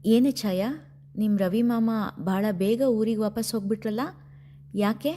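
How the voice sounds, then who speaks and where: A woman's voice: medium pitch, steady tone, unhurried, dark tone, slight background noise, pitched above the performer's own voice, natural voice. A woman voicing a shy, sorrowful young female student who speaks hesitantly. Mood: wistful. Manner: hesitant, subdued.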